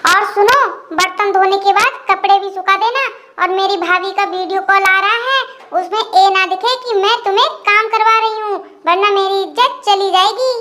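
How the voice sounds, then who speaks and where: Cartoon wife, high voiced: sharp, scolding, shrill and bright. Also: moderate pace, slight background noise. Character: nagging young wife scolding her lazy husband.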